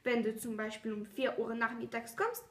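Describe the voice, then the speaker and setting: A woman voicing a gentle, curious male fox in a storybook reading, earnest and coaxing, recorded with a roomy echo. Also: fairly high pitch, fairly even intonation, normal speed, close to an everyday voice.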